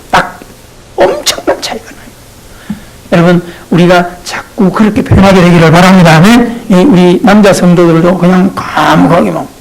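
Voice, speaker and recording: A male pastor preaching a sermon, talking straight to his congregation in a playful, animated way. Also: high voice, poor audio.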